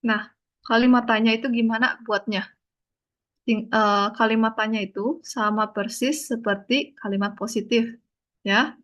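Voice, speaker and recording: Patient teacher on a video call. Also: female voice, on the high side, steady tone, unhurried, fairly bright tone, muffled recording. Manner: patient, repeats and spells out each point. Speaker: online Korean language teacher. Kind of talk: online class teaching.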